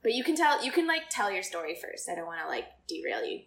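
A chatty young woman co-hosts a casual animal podcast, her voice bright and forward. She talks in loose, giggly bursts full of "like" fillers. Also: mid-range voice, big pitch swings, fast, vocal fry. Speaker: podcast co-host.

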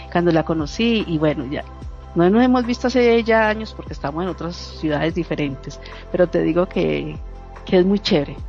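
A woman chatting casually, telling a warm personal story with laughter and mimicked dialogue. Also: low voice. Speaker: guest sharing a story. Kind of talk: casual chat. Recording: slightly dull lo-fi audio, faint music.

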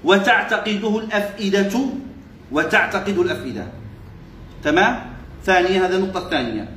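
A man's voice: high voice, fast talker, pushed and bright, roomy sound, slight background noise. A male religious teacher giving a classroom lesson, repeating key phrases and quizzing his listeners with short questions.

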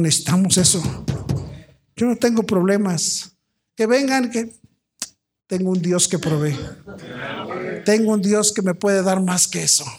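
A man preaching a sermon in a church as pastor, passionate, repeating his questions and rising to shouts. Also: high voice, creaky. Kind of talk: sermon with altar call.

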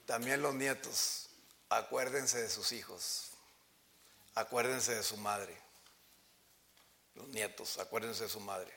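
Impassioned pastor, bright voice. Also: male voice, fairly even intonation, slow, gravelly, pauses often. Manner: impassioned preaching, swinging from loud cries to low murmurs. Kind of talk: sermon. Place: church sanctuary.

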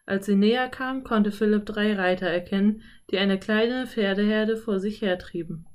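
Calm woman reading a children's story. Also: mid-range voice, normal speed. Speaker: narrator. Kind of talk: children's audiobook narration.

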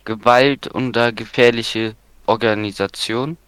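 Slow-talking, smooth-voiced young man. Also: mid-range voice, steady tone, a bit bright, dry recording. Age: young adult. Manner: teasing, blunt, slangy. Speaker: podcast co-host. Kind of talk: casual chat.

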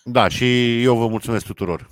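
A man's voice: medium pitch, no echo, soft background music. A man hosting a podcast, reading listener comments aloud in casual chat with dry jokes.

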